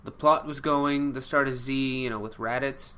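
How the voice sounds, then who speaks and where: A man's voice: mid-range voice, fairly even intonation, moderate pace, sharp tone, smooth. A man co-hosting a podcast in casual chat, giving blunt opinions and short dry replies. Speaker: podcast co-host.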